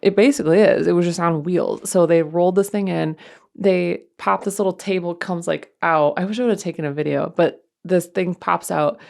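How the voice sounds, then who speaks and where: Chatty creaky-voiced woman co-host. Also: fairly low pitch, fairly even intonation, a little fast, a little mellow. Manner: rambling, chatty, many fillers. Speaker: podcast co-host, mother. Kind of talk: casual chat.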